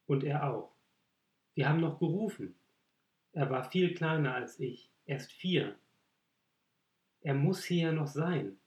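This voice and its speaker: A man's voice: a little high, lively intonation, takes it slowly, long pauses, a little mellow. A man voicing a stubborn, guarded nine-year-old boy in a storybook reading, with terse answers. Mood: sad. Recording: roomy echo.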